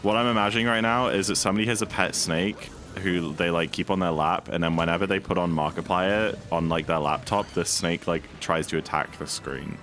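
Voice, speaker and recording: A man's voice: sits low, steady tone, a little fast, few pauses, fairly bright tone, soft background music. A man streaming a speedrun, chatting casually and rambling with lots of fillers while he reads and answers his chat.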